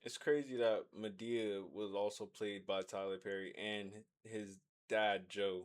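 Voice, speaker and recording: A man's voice: fairly low pitch, steady tone, measured pace, clear, resonant tone. An American man co-hosting a movie discussion, reacting in a casual, slangy, conversational way. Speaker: co-host reacting to a film recap. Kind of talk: casual chat.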